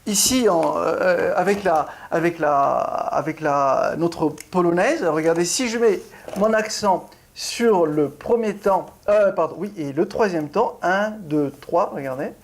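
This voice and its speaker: Halting middle-aged ballet pianist teaching. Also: medium pitch. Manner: halting, with many restarts and repeated words; explains while demonstrating rhythm and breathing. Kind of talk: casual video lesson.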